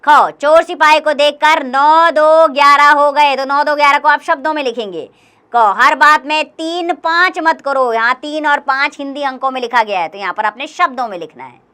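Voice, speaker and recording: A woman's voice: sits high, normal speed, pushed and bright. A young woman teacher patiently explaining a grammar workbook to children, counting aloud and encouraging them.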